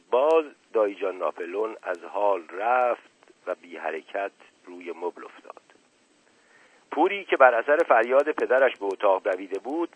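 Husky man reading a novel on radio. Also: fairly low pitch, no echo. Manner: lively dramatic narration. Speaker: radio book reader. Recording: muffled phone-like radio sound.

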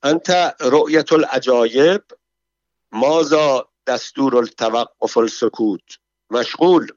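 A man's voice: medium pitch, a little mellow, dry recording, close to an everyday voice. A man voicing a drunk, boastful courtier who drawls in broken Arabic, in a dull, dry recording. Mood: bossy.

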